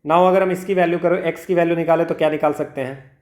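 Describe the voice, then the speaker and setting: Speaking fast in a slightly high, slightly mellow voice with fairly even intonation, a man with an Indian accent teaches maths for exam preparation. The lesson is informal and step by step, with self-posed questions, two languages mixed and many check-words, in a roomy, echoing recording.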